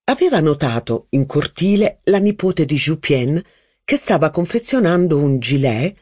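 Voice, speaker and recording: Narrator for a literary audiobook: animated, varied intonation, dry close studio sound. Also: medium pitch, breathy edge, no room sound. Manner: expressive, measured reading with lively phrasing.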